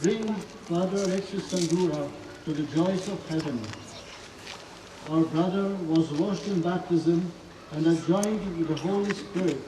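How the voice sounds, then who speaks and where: A man's voice: high-pitched, a little slow. A man reading solemn funeral intercessions as a minister. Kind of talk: solemn funeral prayer, read liturgy. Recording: roomy distant pickup, clear background noise.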